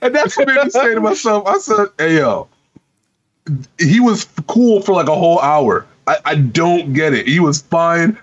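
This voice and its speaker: A man's voice: fairly high pitch, moderate pace. A man on a podcast telling a casual gaming story, swearing freely and acting out both sides of the conversation. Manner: animated, profane, laughing storyteller acting out dialogue. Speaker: podcast co-host. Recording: dull lo-fi podcast audio.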